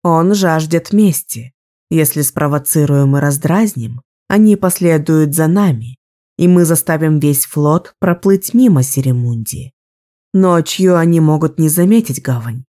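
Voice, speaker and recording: Decisive sorceress, read by a woman: low, mellow, steady audiobook delivery. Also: a little slow. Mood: resolute. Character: resolute young female sorceress, strategist. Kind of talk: audiobook role reading.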